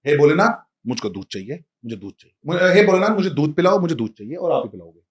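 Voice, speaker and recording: A man's voice: on the high side, big pitch swings, quick pace, voice pushed up. A man voicing a small poor boy who pleads and whines for milk in a child-like voice. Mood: pleading.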